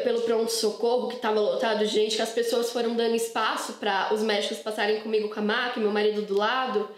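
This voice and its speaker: A woman with a Brazilian Portuguese accent telling her personal testimony to viewers in an earnest, emotional, casual way, often repeating words. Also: sits high. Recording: echoey room.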